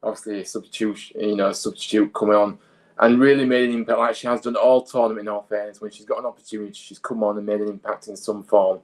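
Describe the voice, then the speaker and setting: A man's voice: lowish voice, steady tone, fast talker, darkish tone, poor audio. A man as a guest pundit on a football watchalong, talking the match over in a hesitant way. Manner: hesitant, searches for words. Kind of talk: casual football analysis.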